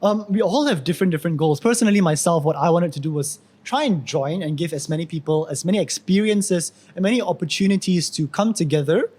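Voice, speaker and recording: A young man hosting a student podcast in a relaxed, talkative way with a husky voice. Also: a little high, fast talker, few pauses. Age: young adult. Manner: relaxed, talkative, many fillers. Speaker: podcast host. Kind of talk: casual podcast chat.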